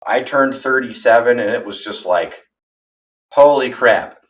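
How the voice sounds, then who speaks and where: This thirties-aged livestreamer talks in a casual, candid, self-deprecating ramble, his voice coming from well away from the microphone. He has a medium pitch, speaks a little slowly, and sounds expressive.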